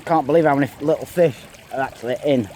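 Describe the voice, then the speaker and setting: Talking fast to the camera, the English angler narrates his fishing trip in a relaxed, mellow, medium-pitched voice, counting off every catch. He's wading by a flowing river on a windy bank, with a faint hiss of wind and water behind.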